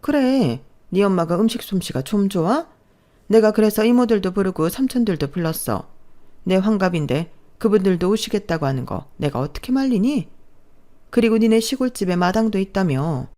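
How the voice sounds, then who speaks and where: A woman's voice: medium pitch, animated, normal speed, mellow, close to an everyday voice. A woman voicing an overbearing middle-aged mother-in-law who talks in a demanding, sneering way. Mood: bossy sneering.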